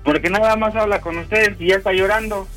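A man's voice: high voice, fairly even intonation, fairly quick, bright, forceful tone, soft background music. A man playing a possessive young boyfriend in a radio prank call, curt and snapping. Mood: defensive.

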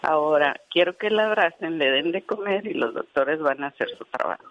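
A woman's voice: low voice, lively intonation, a little fast, no echo, lo-fi sound. A woman, a former hospital nurse, telling a story on a radio talk show in an earnest, vivid way and acting out the dialogue. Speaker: retired hospital nurse guest.

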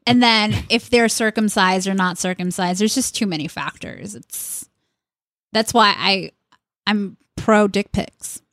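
A woman chatting openly on a podcast, candid and easygoing, often breaking into a laugh. Her voice is mid-pitched and sits dry and close to the mic. She talks in loose, rambling sentences. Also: unhurried, fairly bright tone, no room sound. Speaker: podcast co-host. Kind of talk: casual chat.

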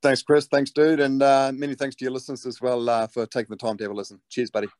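A man's voice: medium pitch, level tone, fast, a little mellow, no echo, studio quality. A man with a broad New Zealand accent chatting casually in an interview, laid-back and matey. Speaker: interviewed rock band lead singer.

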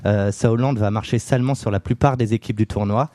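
Dark-voiced French man telling football history. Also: fairly low pitch, fairly even intonation, a little fast, no room sound. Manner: storytelling with many fillers and jokes. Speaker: podcast co-host. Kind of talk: casual chat about football history.

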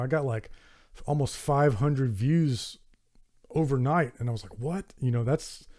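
Earnest Southern American man, mellow voice. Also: medium pitch. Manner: earnest and enthusiastic, with warm thanks and frequent restarts. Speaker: podcast host. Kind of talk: casual solo podcast talk.

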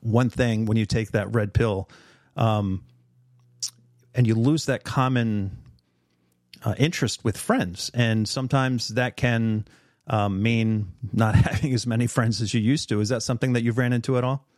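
A man's voice: medium pitch, steady tone, measured pace, a little mellow, dry recording, clean studio sound. A middle-aged man hosting a podcast, talking in an earnest, reflective way with frequent fillers. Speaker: podcast host. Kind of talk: casual conversation.

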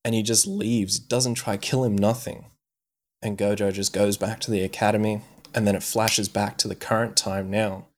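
Male podcast co-host, slightly low voice, loose and profane storyteller. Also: level tone, normal speed. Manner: swears freely, loose storytelling with many fillers. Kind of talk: casual chat, retelling an anime plot.

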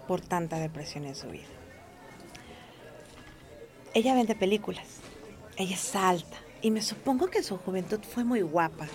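A woman, a market vendor telling her own life story in a heartfelt, expressive way. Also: lowish voice. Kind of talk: personal storytelling.

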